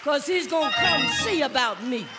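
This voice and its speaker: A man preaching a sermon, building from slow, quiet telling to drawn-out shouted emphasis. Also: extremely high pitch, expressive, over loud music, over a noisy crowd. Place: large church hall. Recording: long reverb in a large hall.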